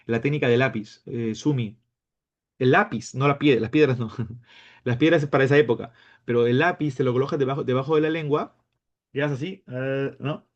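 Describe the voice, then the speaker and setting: Animated male teacher. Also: medium pitch. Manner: animated, playful, acts out students' questions. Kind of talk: lively classroom lecture. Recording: dull lo-fi sound.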